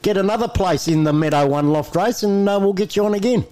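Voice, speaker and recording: An Australian man with a notably high-pitched voice hosts a program. He talks casually and addresses guests in a matey, familiar way. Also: quick pace, warm tone. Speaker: program host. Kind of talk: casual hosting chat.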